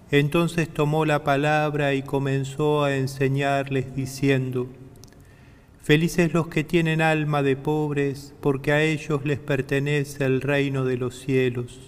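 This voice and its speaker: A man reading the gospel at Mass as priest, solemn and even, in a long church reverb. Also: on the high side, clean tone. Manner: slow, even, solemn delivery. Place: large church.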